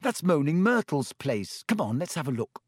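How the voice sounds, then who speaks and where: A man acts out a schoolgirl for a children's audiobook. The voice sits higher and comes across brisk, reasonable and a little bossy, coaxing others along. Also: sing-song, dry recording, clean studio sound.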